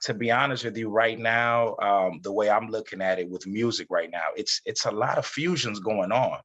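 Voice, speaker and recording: A man hosting a casual interview, talking in a relaxed, slangy way and switching between English and Spanish. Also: on the low side, moderate pace, dull audio. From United States. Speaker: podcast host.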